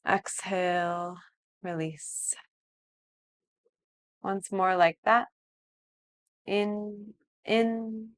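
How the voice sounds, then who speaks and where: Slow, soothing woman guiding sleep-story style relaxation. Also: mid-range voice, fairly even intonation. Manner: soothing, slow, hushed delivery with long pauses. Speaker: yoga teacher. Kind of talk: guided yoga nidra relaxation, like a sleep story narrator.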